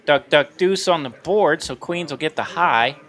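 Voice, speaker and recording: A man with a bright, punchy and somewhat high voice announces and comments on live poker. His talk is casual and colloquial, full of jokey banter. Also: moderate pace.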